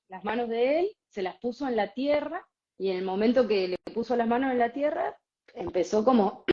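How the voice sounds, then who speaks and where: A woman, co-hosting and telling a spiritual story in a casual, animated way with frequent laughs. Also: a little high. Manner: animated, laughs often, many fillers. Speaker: podcast co-host. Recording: slightly dull lo-fi sound.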